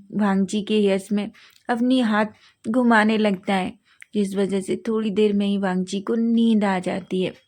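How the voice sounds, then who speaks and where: A woman's voice: mid-range voice, darkish tone. A woman narrating a fanfiction love story, often stumbling and correcting herself mid-sentence. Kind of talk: storytelling reading.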